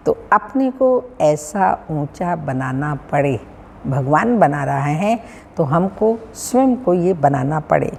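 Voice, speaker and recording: Slow, low-voiced woman reading scripture in a hall. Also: dark tone. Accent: Hindi, North Indian. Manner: measured, sing-song recitation with pauses, clears throat often. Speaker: spiritual teacher reading a daily discourse. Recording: long hall reverb, faint room hum.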